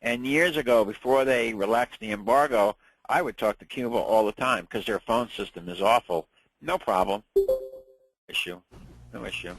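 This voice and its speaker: A man's voice: lowish voice, moderate pace, a bit bright, dry recording, low-quality recording. A man in his sixties with a New York accent, teaching a ham radio licensing class in a chatty, storytelling way. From Long Island, New York. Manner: chatty, anecdotal, repeats words when restarting. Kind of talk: casual classroom lecture.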